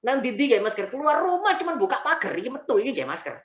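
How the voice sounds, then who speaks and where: A man's voice: very high-pitched, very animated, fast talker, fairly bright tone, reverberant. A man with a Javanese accent giving a humorous online religious lecture from home over a video call, mixing in Javanese words as he tells stories. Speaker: preacher.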